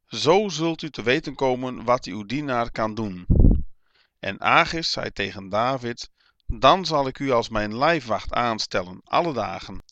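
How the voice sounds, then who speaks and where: A man reading a Bible passage aloud in a slow, measured, even way. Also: mid-range voice, no room sound. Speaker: Bible reader.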